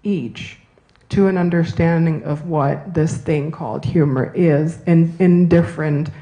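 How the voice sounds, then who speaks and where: Lecturer lady, raised in germany and italy, slightly low voice, talks slow, keeps asking right?. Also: warm tone, highs cut off. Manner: discursive, self-correcting, asks "right?". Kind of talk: university lecture and Q&A. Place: university auditorium.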